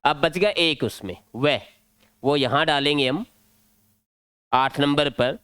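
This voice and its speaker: A man's voice: a little high, takes it slowly, fairly bright tone, smooth, dry recording. A male teacher with a Rajasthani Hindi accent, explaining an exam-prep grammar lesson step by step at a board. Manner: step-by-step explaining, drilling points.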